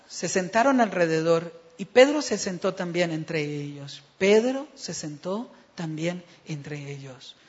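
High-voiced husky male preacher. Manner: dramatic, acts out dialogues, builds to loud emphatic passages. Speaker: pastor. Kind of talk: sermon. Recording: dull recording in a reverberant hall.

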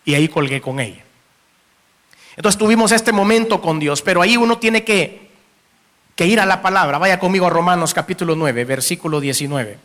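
A man's voice: high voice, a little fast, fairly bright tone. A man preaching a sermon, telling a personal testimony with earnest emotion and rising to fervent exhortation.

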